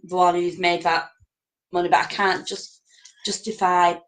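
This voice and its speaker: A woman co-hosting a relaxed chat. She speaks hesitantly, with many ums, and mostly chimes in to agree. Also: on the low side, moderate pace, poor audio. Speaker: podcast co-host. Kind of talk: casual chat.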